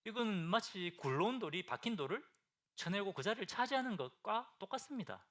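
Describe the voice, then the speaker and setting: A high, bright-toned man preaches in a church with lively, rising and falling inflection. He keeps asking his congregation questions and swings between loud bursts and soft, hushed lines. The sound is of a pastor mid-sermon. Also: brisk. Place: church sanctuary.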